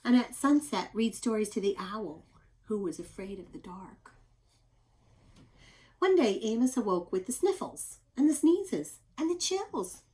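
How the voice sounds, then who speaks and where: In a slightly high voice, a teacher reads a picture book aloud to young children, using expressive, deliberate emphasis and questioning asides. The recording is rough.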